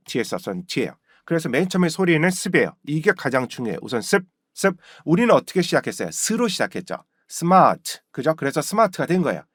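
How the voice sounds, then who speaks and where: A man's voice: mid-range voice, no echo, clean studio sound. A man teaching English pronunciation in a video lesson, repeating example words with exaggerated stress and often checking with "right?".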